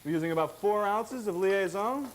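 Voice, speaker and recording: A man's voice: high-pitched, lively intonation, normal speed, a little hiss or hum. A man co-hosting a cooking demonstration on an old TV show, chatty and jokey, pleased with his own dishes. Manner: jokey, chatty, self-satisfied.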